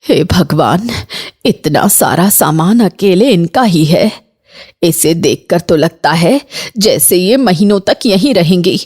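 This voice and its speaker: A woman voicing a stern middle-aged mother-in-law in a cartoon, talking in a measured, commanding way. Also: on the low side, expressive, darkish tone, husky, full character voice. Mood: wary. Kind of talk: Hindi cartoon voice acting.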